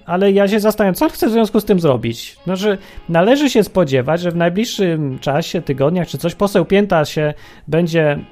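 A man's voice: high-pitched, lively intonation, moderate pace, darkish tone, soft background music. A man hosting a radio talk show, delivering an opinionated, sarcastic monologue with mocking exclamations.

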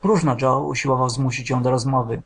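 Male audiobook narrator, gravelly and husky, slow somber literary reading. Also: medium pitch, fairly even intonation.

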